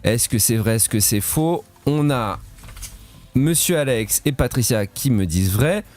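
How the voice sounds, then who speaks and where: A man's voice: mid-range voice, lively intonation, a little slow, darkish tone, faint music behind. A man from Switzerland, presenting a playful, punning radio quiz segment in a studio. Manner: playful, punning, laughs at his own jokes.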